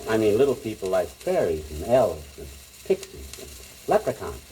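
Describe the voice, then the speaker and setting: A man playing the blustery lead of a 1940s radio comedy, brash and quick to bluster. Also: fairly low pitch, big pitch swings, mellow. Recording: crackly old 78 record.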